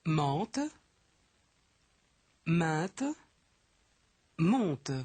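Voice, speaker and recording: Low, husky woman reading slow drills. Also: expressive, darkish tone, no room sound. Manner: deliberate, careful enunciation. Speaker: language course speaker. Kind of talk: slow, clearly read pronunciation drill.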